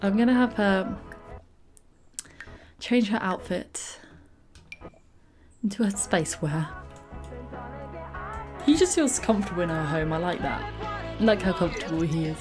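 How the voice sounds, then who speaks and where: A woman commenting on a game she is playing, gushing and giggly with excitement. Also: mid-range voice, a little slow, long pauses, faint music behind. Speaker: gaming YouTuber. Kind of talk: let's play commentary.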